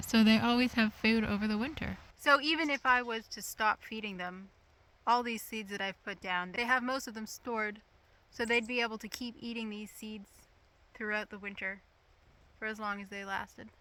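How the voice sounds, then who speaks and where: Woman coaxing wild birds outdoors, higher-pitched voice. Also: fairly even intonation, normal speed, sharp tone, rough recording. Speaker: nature vlogger. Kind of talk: casual outdoor vlog narration. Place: outdoors in the woods.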